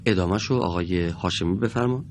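A man teaching Quran recitation on a radio lesson in a studio, speaking slowly and patiently, modeling sounds and correcting students. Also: sits low, a little mellow, a little hiss or hum. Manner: slow, patient, carefully models and corrects pronunciation.

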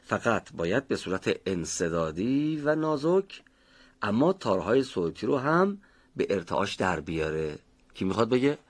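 Lively-voiced male teacher explaining sounds. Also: lowish voice. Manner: patient, explanatory, calls on students by name. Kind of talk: classroom lesson on pronunciation.

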